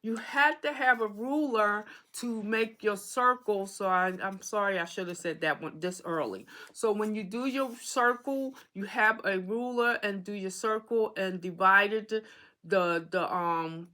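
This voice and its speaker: A woman with a mid-range, pushed and bright voice speaks at a measured pace. She hosts an embroidery tutorial, chatting casually about materials and often checking in with "okay?" in this relaxed how-to demonstration.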